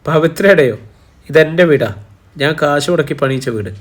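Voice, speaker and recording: A man voicing a sharp-tongued, hostile middle-aged woman who scolds and sneers in an audiobook story. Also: fairly high pitch, a little fast, natural voice. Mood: scornful. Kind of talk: audiobook character voice.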